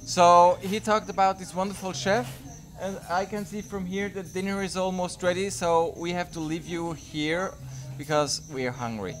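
A man hosting a travel vlog, interviewing a guest outdoors in an upbeat, quick way. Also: high voice, steady tone, slight background noise. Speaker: host. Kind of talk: casual interview.

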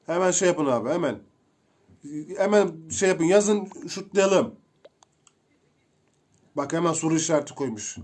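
A young man giving casual, excitable commentary while playing a video game, chatting to his viewers as he goes. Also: a little high, measured pace, long pauses. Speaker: gameplay streamer.

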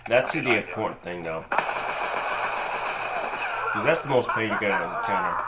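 A man's voice: lowish voice, very animated, moderate pace. A man hosting a reaction video, giving casual commentary on gaming clips. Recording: clear background clatter and noise.

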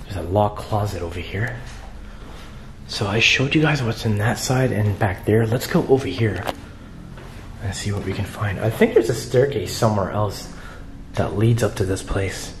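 A man's voice: fairly low pitch, moderate pace, background noise. A man in his thirties talking casually and nervously to a handheld camera as he explores, exclaiming and reacting aloud to what he finds. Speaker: vlogger exploring a haunted jail. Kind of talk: casual first-person exploration vlog. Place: empty old jail cells and corridors, indoors. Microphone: handheld camera at arm's length. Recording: echoey bare rooms with music underneath. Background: music.

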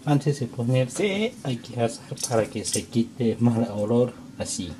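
Japanese-native man, slow hesitant broken Spanish, noisy kitchen recording. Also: mid-range voice, big pitch swings. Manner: halting broken Spanish, searching for words and apologizing. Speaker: home cook. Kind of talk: casual cooking demonstration. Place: home kitchen.

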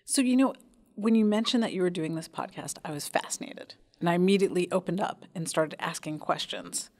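An American woman speaks as a guest on a podcast panel. She talks in a chatty, animated way, in a slightly low voice. Her delivery stays conversational. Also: fairly quick. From United States. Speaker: panel guest, business owner. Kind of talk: casual interview talk.

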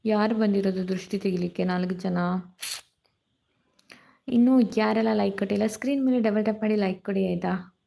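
Host, woman, hoarse gravelly voice, chatty live-stream greetings by phone. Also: medium pitch, a little fast, pauses often, mellow, a little hiss or hum. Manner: chatty, greets viewers by name. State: hoarse, voice cracking from illness. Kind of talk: casual live chat reading comments. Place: dark room at home during power cut.

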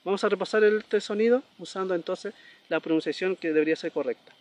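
A man teaching a pronunciation lesson, saying words slowly and repeating them, often checking in with a quick question. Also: high-pitched. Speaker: language teacher.

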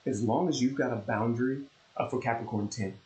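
With a mid-range, darkish-toned voice, a man briskly explains charts as co-host of a casual astrology talk. He's chatty, relaxed, and laughs easily. The room is warm and indoors, and the recording echoes.

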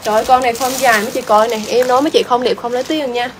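A woman's voice: a little high, steady tone, rapid-fire, noisy background. A woman selling clothes on a livestream, chatty and exclaiming, repeating prices over and over. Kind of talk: fast live-selling patter.

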